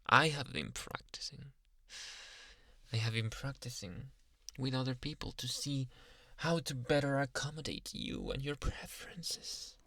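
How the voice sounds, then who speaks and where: Heavily acted, this ASMR roleplay features a man as an obsessive, adoring young yandere Uber driver who coaxes smugly, speaking haltingly and whispering softly aside. His medium-pitched voice is creaky and husky, recorded in clean studio sound without any room noise.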